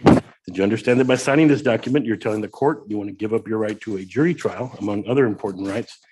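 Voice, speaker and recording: An American man speaking as a judge, reciting formal courtroom admonitions in a brisk, rote, procedural way like a court clerk. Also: lowish voice, a little mellow, slightly rough, rough recording.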